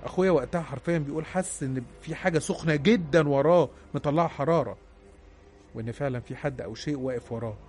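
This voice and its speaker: A man with an Egyptian Arabic accent, narrating listeners' true horror stories in a hushed, suspenseful storytelling manner. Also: a little high, fast talker. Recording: narration over clear background music. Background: background music.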